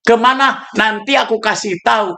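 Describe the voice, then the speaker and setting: A male pastor preaching a sermon, telling stories with sudden shouted bursts and dropping English phrases into his talk. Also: sits high, moderate pace, vocal fry. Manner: storytelling with shouted bursts and laughs.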